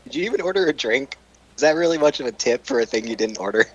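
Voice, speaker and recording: Sarcastic male player, mid pitch. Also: lively intonation, quick pace, slightly rough, dull audio. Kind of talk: casual tabletop banter.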